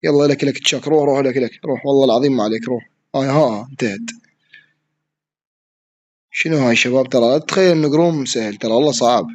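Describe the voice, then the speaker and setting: A man with an Iraqi Arabic accent giving live gameplay commentary, excitable, yelling at opponents and swearing as he plays. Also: medium pitch, quick pace, long pauses. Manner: excitable, yells at opponents and swears mid-play. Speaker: gaming streamer.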